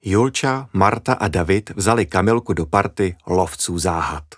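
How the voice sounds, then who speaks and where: A man reading a children's story aloud in a lively, expressive way. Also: sits low, dry recording, studio quality.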